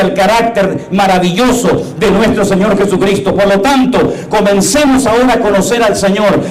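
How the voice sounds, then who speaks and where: High-voiced fervent male pastor preaching. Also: reverberant, low-quality recording. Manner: fervent preaching, swings from hushed to exclaiming. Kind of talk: sermon. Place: church.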